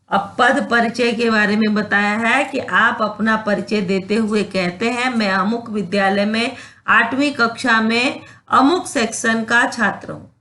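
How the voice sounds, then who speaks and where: A woman teaching grammar at an unhurried, deliberate pace. Her voice sits fairly high, and she explains each point patiently before acting out short example phrases. She pauses to check that her listeners understand. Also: pushed and bright. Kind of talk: classroom grammar lesson.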